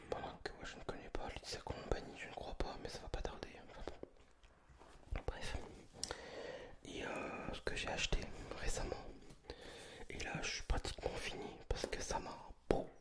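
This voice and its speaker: Man in a hushed library whisper. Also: moderate pace. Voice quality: breathy, unvoiced whisper. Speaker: ASMR video creator. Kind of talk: whispered ASMR book chat.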